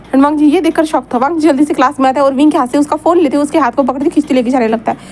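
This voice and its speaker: A woman's voice: high voice, racing, a little mellow, a little hiss or hum. A woman narrating a fan story aloud in a chatty way, with repeats and asides to her listeners.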